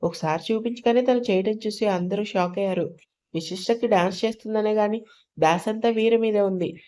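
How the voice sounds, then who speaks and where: Mellow-voiced woman reading a love story. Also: mid-range voice, fairly quick. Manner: reads all characters' dialogue in her own voice. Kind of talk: audio story narration.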